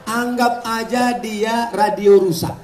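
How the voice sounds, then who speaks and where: A man preaching a humorous sermon at a mass gathering, joking and swinging between soft asides and loud exclamations. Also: very high voice, fairly even intonation, takes it slowly. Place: outdoor stadium. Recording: echoey stadium PA from far off, noisy.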